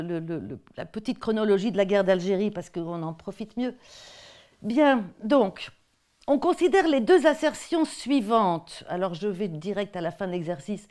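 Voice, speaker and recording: A French woman lectures on mathematics textbooks in a relaxed, talky way, pausing and repeating words as she searches for them. Her voice sits at an ordinary middle pitch for a woman. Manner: conversational, hesitant with repeated words. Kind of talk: academic talk presenting textbook excerpts.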